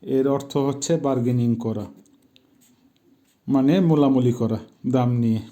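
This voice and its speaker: Man in his fifties, from Bangladesh, language teacher, very slow, patient repetition, deep mellow tone. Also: fairly even intonation. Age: 50s. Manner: patient, repeats each word slowly for pronunciation. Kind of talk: slow, careful language lesson.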